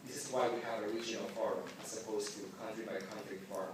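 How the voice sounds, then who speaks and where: A man raised in the Philippines gives measured welcome remarks as the organizer of a forum in a large conference hall, correcting himself now and then. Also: on the low side, steady tone, background noise. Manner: measured, deliberate delivery with occasional slips. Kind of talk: formal prepared speech. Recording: echoey hall, mic at a distance.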